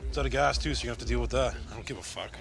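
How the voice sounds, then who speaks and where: A man's voice: mid-range voice, racing, vocal fry, natural voice. An actor playing a crude, blunt, constantly swearing trailer-park man. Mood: brash. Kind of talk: mockumentary sitcom acting.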